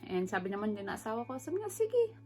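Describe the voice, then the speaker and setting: A woman's voice: mid-range voice, very animated, rapid-fire, a little mellow, faint music behind. A middle-aged woman from the Philippines, vlogging in a chatty, emotional way that mixes English into her Tagalog, laughing often. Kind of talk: casual personal vlog.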